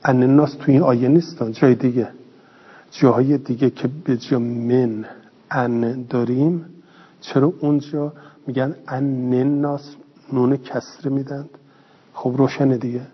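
Man, teacher, husky voice, reads slowly then explains fast, asks and answers his own questions. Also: mid-range voice. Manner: reads a phrase slowly, then explains it quickly in everyday speech. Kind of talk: classroom lesson reading and explaining a text. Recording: lo-fi recording with long reverb.

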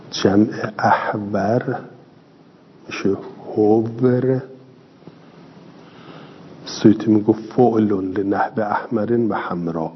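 A man's voice: lowish voice, slight background noise. A man teaching a classroom lesson, explaining step by step and answering his own questions. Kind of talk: classroom lecture. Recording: dull lo-fi recording in a reverberant hall.

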